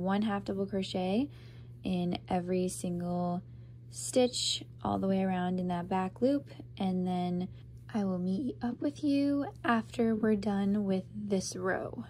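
A congested young woman with a cold talks through crochet in a mid-range, dark-toned voice, taking it slowly. Slight background noise sits under her nasal but upbeat, chatty delivery as she narrates her handiwork.

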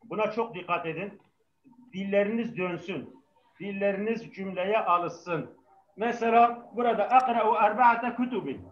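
A man's voice: sits high, a bit bright. A male language teacher patiently drilling his class, his voice carrying a heavy echo from the microphone. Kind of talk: live class lesson with student call-and-response. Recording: echoing, dull microphone sound.

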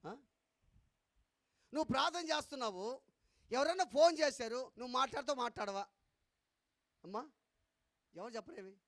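A man's voice: extremely high pitch, gravelly, fairly bright tone, dry recording. A male pastor, telling stories in a sermon and building up emphatic repeated phrases. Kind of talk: storytelling sermon at a gospel meeting.

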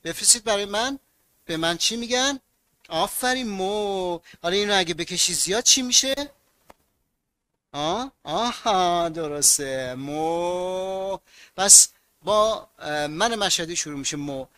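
A man's voice: high-pitched, lively intonation, pushed and bright, no echo. A man with a Mashhad accent teaching an online grammar class, patiently explaining rules and asking his students questions that he then answers himself.

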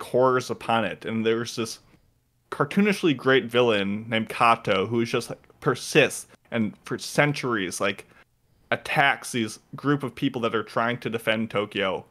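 A man's voice: mid-range voice, measured pace, a bit bright. A man co-hosting a podcast, chatting casually and enthusiastically with lots of fillers. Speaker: podcast co-host. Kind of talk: casual chat, recommending an anime.

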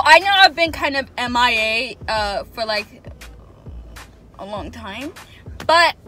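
A young woman vlogging from a room at home, chatting casually and expressively to her viewers with lots of fillers. Her voice sits a little high and has a sharp, bright edge. Faint music plays underneath. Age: young adult. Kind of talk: casual chat to camera.

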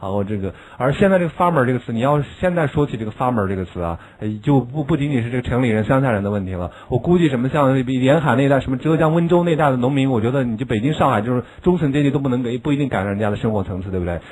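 A man teaching English vocabulary in a classroom lesson, explaining in Chinese and drilling words slowly, with a chuckle at his own asides. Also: mid-range voice, animated, a little mellow, husky, rough recording.

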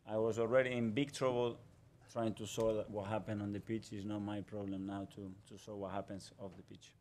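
A football manager in his forties speaks into a table microphone in a press room. His low voice stays flat and even. He gives measured, guarded answers and repeats his phrases. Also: a little hiss or hum. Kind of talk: post-match press conference answers. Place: press conference room in front of a sponsor backdrop.

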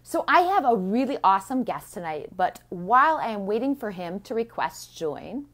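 A woman's voice: medium pitch, sing-song, moderate pace, fairly bright tone. Chatty, enthusiastic woman podcast host. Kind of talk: casual live-streamed interview.

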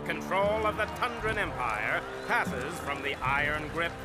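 A somewhat high male narrator delivers a portentous war game prologue. His scripted narration is measured and solemn, over loud cinematic music. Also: animated.

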